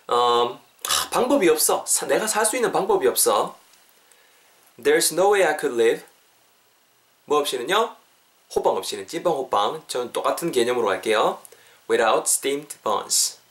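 Male English teacher in a studio video lesson, mid-pitched, coaxing, drills slow English lines for repetition. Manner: lively, coaxing, switches between Korean and slow English.

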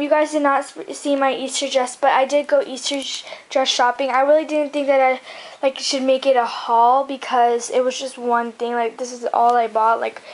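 A woman's voice: high-pitched, a little hiss or hum, low-quality recording. A young woman vlogger chatting about her favourite beauty products, rambling with lots of fillers and restarts. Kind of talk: casual chat.

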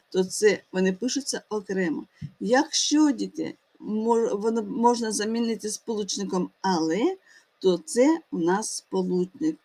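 A woman teaching a grammar lesson to schoolchildren, often calling them children and pausing on fillers and restarts. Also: medium pitch, darkish tone, breathy edge.

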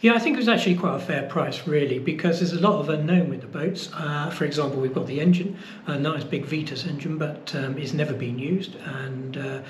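This boat-building vlogger talks to the camera about costs in a relaxed, casual way, dropping plenty of "uh" fillers. His voice is on the high side and a little fast. The room is echoey, with faint noise in the background.

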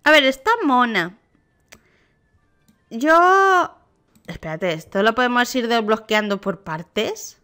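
A woman with a Spain Spanish accent, a gaming youtuber giving casual, excitable reaction commentary. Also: a little high, slow, long pauses, clean tone, faint music behind. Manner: excitable, gushing exclamations.

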